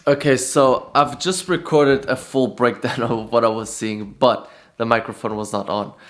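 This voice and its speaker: A young man vlogs his day and casually walks through trading charts in a casual vlog with market commentary, sounding relaxed and self-deprecating with frequent fillers. His voice is medium-pitched at a moderate pace.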